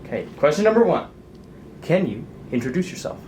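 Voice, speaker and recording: A man's voice: on the high side, very animated, brisk, darkish tone, a little hiss or hum. A young man hosting a student interview, reading his questions in an upbeat, scripted way. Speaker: host, video producer.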